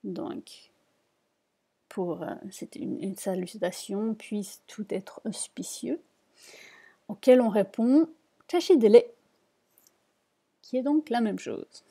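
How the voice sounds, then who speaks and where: A woman's voice: medium pitch, slow pace, creaky, dark tone, slightly rough. A woman teaching a reading lesson, patiently repeating each word and explaining it. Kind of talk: slow spoken lesson.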